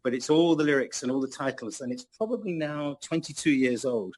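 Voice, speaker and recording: A man's voice: mid-range voice, a little fast. A man in his sixties, a guest musician telling self-mocking stories in an interview. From England. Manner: storytelling, self-mocking, animated. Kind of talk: anecdotal interview chat.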